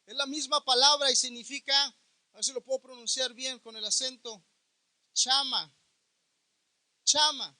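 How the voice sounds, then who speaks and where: High, bright-voiced emphatic male preacher. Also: no room sound. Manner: emphatic, rising to near shouts on key words. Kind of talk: sermon.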